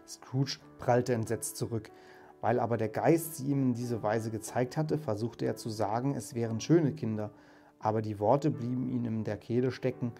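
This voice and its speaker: A man reading a classic story aloud in a calm, measured way, then talking to his viewers. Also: medium pitch. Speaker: reader and channel host. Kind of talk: audiobook reading.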